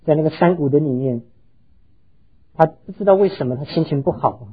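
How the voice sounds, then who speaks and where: A male pastor preaching an earnest sermon to his congregation, telling stories and pausing on hesitant fillers. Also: a little high, highs cut off, slight background noise.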